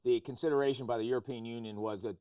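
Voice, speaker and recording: A talk show host leads an interview-style discussion of the news, asking probing questions and interrupting to press his point. His mid-range, mellow voice stays fairly even in intonation while he speaks rapid-fire.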